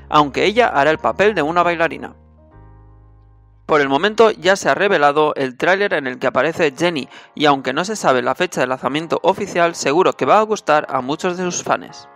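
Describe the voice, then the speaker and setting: With music running beneath him, the host of a Korean entertainment news channel presents a scripted roundup, speaking straight to his viewers. His voice sits on the high side and sounds fairly bright.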